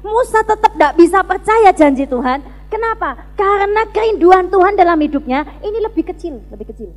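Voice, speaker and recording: High-voiced woman preaching in a reverberant hall. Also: lively intonation, brisk. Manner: dramatic swings between loud emphatic calls and hushed asides; keeps addressing listeners as brothers and sisters. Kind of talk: sermon to a congregation. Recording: long hall reverb with music behind.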